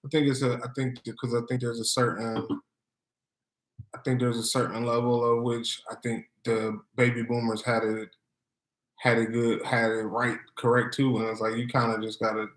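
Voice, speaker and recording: A man's voice: medium pitch, flat delivery, normal speed. American guy in a roomy echoey space, casual chat, slangy, keeps restarting his point. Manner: hesitant, repeats himself, slangy. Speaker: vlog co-host. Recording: roomy, echoing sound.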